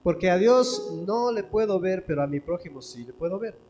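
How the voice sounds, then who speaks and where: A man's voice: sits high, expressive, moderate pace, a little mellow. A man with an Ecuadorian accent preaching a sermon as pastor, asking many rhetorical questions one after another. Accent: Ecuadorian Spanish. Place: church hall. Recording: echoey church hall with faint background noise.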